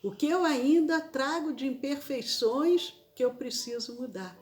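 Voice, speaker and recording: A woman from Brazil leading a spiritist gospel study, speaking slowly and repeating key phrases for emphasis. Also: high-pitched, soft background music.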